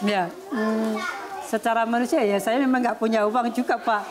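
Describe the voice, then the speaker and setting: Brief: woman, earnest missionary, slightly high voice, heartfelt interview testimony with polite asides. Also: steady tone, moderate pace, noisy background. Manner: earnest, often adds a polite "sir" to her sentences. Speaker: missionary caring for schoolchildren. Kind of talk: emotional personal testimony in an interview. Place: remote rural area.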